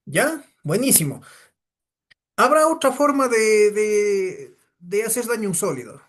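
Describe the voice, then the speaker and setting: A man's voice: high-pitched, very animated, unhurried, a bit bright. Physics teacher quizzing his class. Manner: asks the class many rhetorical questions. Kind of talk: classroom lecture.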